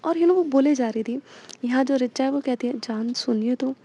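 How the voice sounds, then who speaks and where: A woman's voice: sits high, a little fast, warm tone. A woman telling a romance story in casual chat, full of English fillers. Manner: chatty, mixes in English fillers like "you know".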